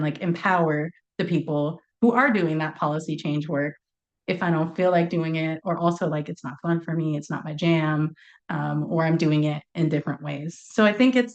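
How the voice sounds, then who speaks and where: Chatty low-voiced woman. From United States. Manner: chatty, filler-heavy, informal. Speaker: panelist. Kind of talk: casual panel talk on a video call. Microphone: video call.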